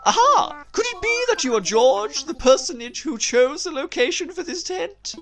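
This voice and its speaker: A man's voice: very high-pitched, big pitch swings, moderate pace, a bit bright, voice pushed up, heavily acted. A man voicing a pompous, scholarly male owl who speaks in formal phrases. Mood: grandiose. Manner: formal and fussy.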